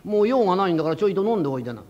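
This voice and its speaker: A male rakugo storyteller voicing a practical shopkeeper's wife who scolds her husband softly. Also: high voice, sing-song, racing. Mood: chiding. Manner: soft, chiding, practical. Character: sensible, scolding middle-aged shopkeeper's wife. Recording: dull lo-fi old recording.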